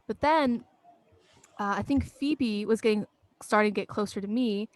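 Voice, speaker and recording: A young woman co-hosting a podcast, telling a story in a casual, animated way and often acting out her friends' words. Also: medium pitch, moderate pace, no echo. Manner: animated, acts out friends' quotes, laughs often. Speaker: podcast co-host.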